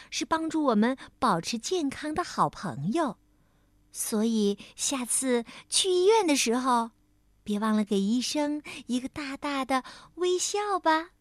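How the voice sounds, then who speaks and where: A woman teacher narrating a bedtime story for children, gentle and speaking directly to the child listening. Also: sits high, no echo, studio quality.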